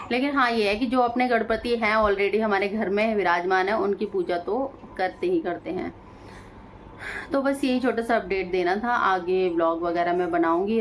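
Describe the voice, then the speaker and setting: A woman chatting casually to her viewers in a homely family vlog update, talking them through the latest news from home. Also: medium pitch. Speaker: family vlogger. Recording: faint background noise.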